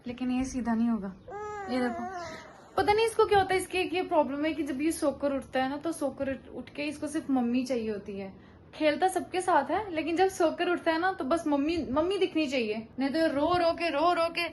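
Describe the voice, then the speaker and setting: A woman with a high voice chats to her viewers and turns to coax a small child. She sounds fond and playful. Faint background noise runs under her. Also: expressive, brisk. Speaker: vlogger. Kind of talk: casual vlog talk.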